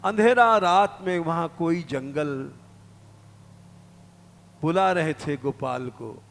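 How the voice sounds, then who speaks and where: A man's voice: a little high, slow, creaky, a little hiss or hum. An older man, preaching a devotional story earnestly in a temple hall. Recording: live hall reverb, faint ambience.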